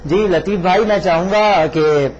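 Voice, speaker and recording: A man's voice: high voice, muffled recording, crowd noise. A man presenting a live devotional call-in show in a formal, courteous way, full of praise. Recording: noisy live broadcast sound.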